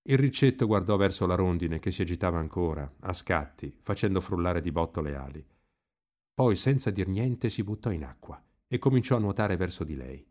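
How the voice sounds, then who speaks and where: A man reading a novel aloud in an expressive, lively literary narration. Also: deep voice, normal speed. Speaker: reader.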